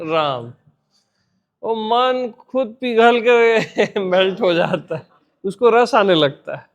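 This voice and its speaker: High-voiced man leading a slow devotional talk. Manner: gentle, repeats chants softly, guides listeners. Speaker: spiritual teacher.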